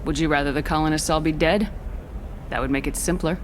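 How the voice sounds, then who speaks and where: A woman's voice: sits low, steady tone, fairly quick, slight background noise, natural voice. A woman playing a tough, curt female military commander in a video game, firm and focused. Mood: blunt. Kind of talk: video game dialogue acting. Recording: game music behind the voice.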